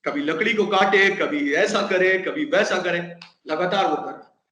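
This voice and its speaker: A man's voice: high voice, unhurried, sharp tone, reverberant. A man telling a folk tale to teachers, adding sound effects and asking the audience questions. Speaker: storyteller at teachers' workshop. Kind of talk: animated storytelling.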